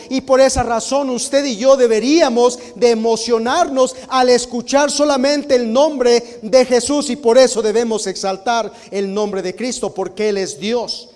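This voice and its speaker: A man's voice: very high voice, darkish tone, big-room sound. A man, a guest missionary, teaching a Sunday school Bible lesson, earnest and nervous, often stumbling and repeating words. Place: church sanctuary.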